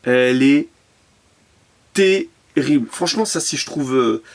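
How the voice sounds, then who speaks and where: Recorded at home on a camera mic, a man shows off his toy car collection in casual unboxing commentary. His mid-range voice is expressive and unhurried, and he chats enthusiastically with lots of fillers and repeated words.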